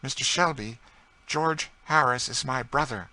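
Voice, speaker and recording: A woman's voice: low voice, expressive, normal speed, a bit bright, voice pushed up, poor audio. A man voicing a proud, emotional French lady in a storybook, with an earnest, eager, precise way of speaking.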